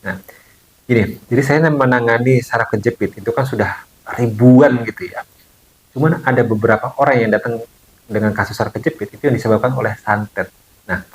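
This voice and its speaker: A man's voice: medium pitch, slight background noise, low-quality recording. A man, a bone-setting therapist, casually telling viewers a story from his clinic, with lots of fillers and quoted dialogue.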